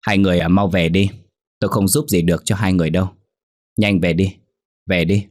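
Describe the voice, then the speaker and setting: A man's voice: low-pitched, fairly even intonation, a little slow, fairly bright tone, no echo. A man voicing a stern old male fortune teller who curtly orders visitors away in a ghost story. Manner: curt, commanding.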